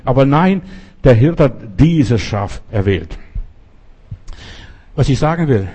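A man's voice: mid-range voice, lively intonation, slow, mellow, slightly rough. A middle-aged man preaching a sermon, emphatic and repeating key words for stress.

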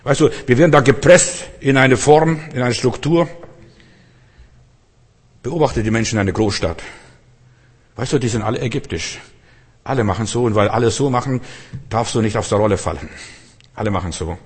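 A man preaching a sermon, emphatic and direct, turning from loud outbursts to soft, low passages and putting questions to his listeners. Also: moderate pace, long pauses, breathy edge. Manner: addresses listeners directly, often with rhetorical questions. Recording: long hall reverb.

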